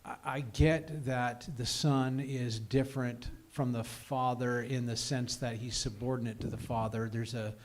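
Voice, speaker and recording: Man, congregation teacher; mid-pitched, reflective, builds emphasis on scripture. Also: fairly even intonation, measured pace, hardly any pauses, slight background noise. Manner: thoughtful, reasons aloud with many "uh"s; reads scripture aloud with rising emphasis. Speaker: congregation teacher leading Bible study. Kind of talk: group Bible study discussion.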